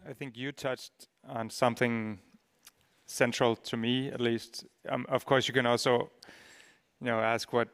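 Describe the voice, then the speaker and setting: A male panelist with a gravelly but clear voice. He speaks in an even tone and keeps restarting his phrases as he works out what he means. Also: mid-range voice, a little slow. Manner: hesitant, repeats words while thinking. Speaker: panelist, app builder. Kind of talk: panel discussion.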